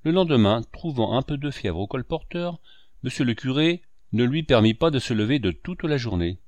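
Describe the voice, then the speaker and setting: A man narrating a classic children's story in an expressive, scripted reading. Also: medium pitch, normal speed, no room sound. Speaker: audiobook narrator.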